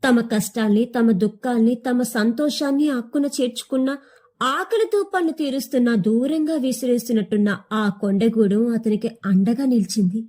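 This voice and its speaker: A woman's voice: a little high, moderate pace, dark tone. A young woman reading a short story aloud in a somber, emotive manner. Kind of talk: scripted narration of a short story.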